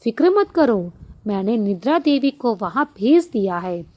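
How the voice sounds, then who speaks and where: Woman doing a proud goddess, calm and bossy, slow. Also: a little high, dull audio. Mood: reassuring. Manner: calm, commanding.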